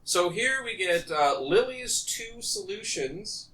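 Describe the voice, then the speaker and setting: A man co-hosting a podcast, chatting casually and getting animated when he acts out characters. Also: sits high, takes it slowly, creaky, low-quality recording. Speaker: podcast co-host. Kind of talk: casual chat.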